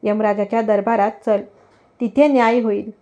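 A woman's voice: mid-range voice, steady tone, normal speed, warm tone, dull audio, close to an everyday voice. A woman voicing a stern, harsh messenger of death who commands a soul, in a storybook narration.

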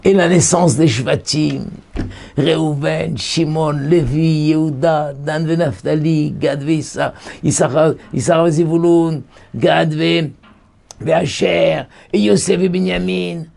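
A man, a rabbi, giving a Torah lesson as a lively storyteller who exclaims and lifts his voice when quoting people. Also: fairly high pitch, takes it slowly, vocal fry.

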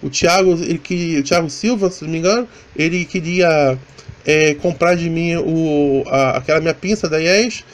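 A man with a fairly high voice and a Rio de Janeiro accent talks through his motorcycle vlog as a relaxed voice-over. He rambles along in casual chat, trailing off and restarting his sentences often. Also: normal speed. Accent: Rio de Janeiro Portuguese. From Brazil. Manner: rambling, chatty, many restarts and fillers. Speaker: motovlogger. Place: voice-over, not recorded on the ride.

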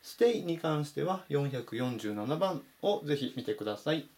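A man teaching English vocabulary in Japanese, saying each word slowly and clearly in a voice-over lesson. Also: on the high side, animated, darkish tone. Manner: slow, careful spelled-out pronunciation of English words.

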